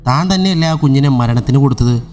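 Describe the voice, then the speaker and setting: A stern servant of a holy sorcerer , voiced by the narrator in a lower register, scolds with grave authority. The voice sits deep, dark and mellow. Faint music lingers behind the horror tale. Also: male voice, fast talker, big-room sound, natural voice. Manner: stern, reproachful.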